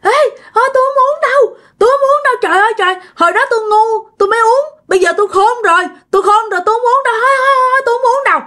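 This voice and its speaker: A woman's voice: high voice, big pitch swings, quick pace, hardly any pauses, a bit bright, full character voice. A woman voicing a terrified young mother seized by ghosts, pleading and frantic. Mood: shrieking.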